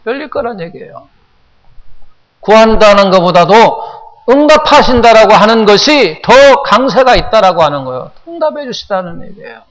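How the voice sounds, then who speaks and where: High-voiced pastor preaching in a reverberant church. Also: male voice, very animated, normal speed, fairly bright tone. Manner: asks the congregation questions, repeats phrases for emphasis. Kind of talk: sermon. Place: church sanctuary.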